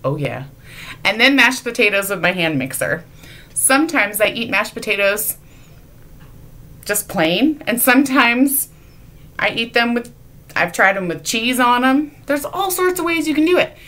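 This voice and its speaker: A woman's voice: a little high, lively intonation, normal speed, long pauses, sharp tone. A woman giving a playful children's object lesson in church, teasing and asking her young audience questions. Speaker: children's sermon leader. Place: church sanctuary.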